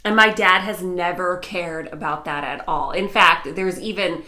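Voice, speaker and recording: With a lowish voice and a slightly slow pace, a middle-aged woman from the United States tells warm stories to camera in a personal vlog. She is a vlogger and news anchor, and her manner is earnest and enthusiastic.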